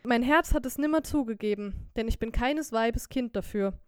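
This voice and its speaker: A woman voicing a young, poor, quick-witted wife in an audiobook, scolding loudly and lamenting theatrically. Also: fairly high pitch, clean tone, no echo, studio quality, lightly acted. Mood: wailing. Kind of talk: audiobook character voice.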